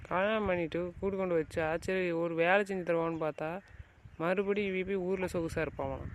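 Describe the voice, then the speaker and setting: A man's voice: high voice, low-quality recording. A man playing a domineering village family head. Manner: scolding, lecturing, rhetorical questions. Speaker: stern family elder. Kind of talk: village family drama acting. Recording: outdoor noise, rural background.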